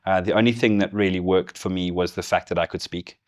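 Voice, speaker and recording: A middle-aged business executive with a deep, low voice speaks English in a Zimbabwean accent that has been partly shaped by English influence. As an interview guest in a casual conversation, he tells his own story briskly, in a relaxed and candid way, laughing easily.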